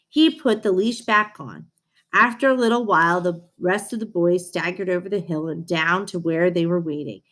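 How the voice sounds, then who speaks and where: A woman with a fairly low voice reads a storybook aloud to young listeners. As a read-aloud host, she delivers it expressively and directly.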